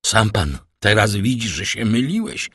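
A man voicing a frantic, grief-stricken middle-aged prosecutor and father in an audiobook, with desperate, shouting outbursts. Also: on the low side, sing-song, measured pace, breathy edge, no room sound, clean studio sound, exaggerated voice. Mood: despairing. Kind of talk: audiobook character voice.

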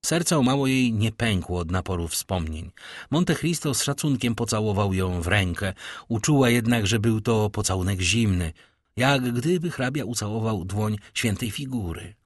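A man narrating a classic novel in a calm, even storytelling manner. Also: on the low side, moderate pace, no echo, clean studio sound. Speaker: audiobook narrator.

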